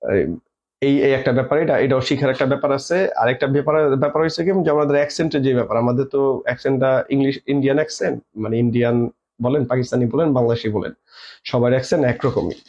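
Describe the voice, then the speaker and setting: A man from Bangladesh, talking casually about teaching English, halting with fillers and English words mixed in. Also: medium pitch, steady tone, a little mellow, muffled recording. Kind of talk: casual explanatory talk.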